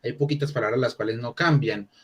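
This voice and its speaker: Husky male teacher, casual and rambling. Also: mid-range voice, fast, highs cut off. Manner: casual, thinking aloud with many restarts. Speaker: English teacher. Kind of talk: live online class.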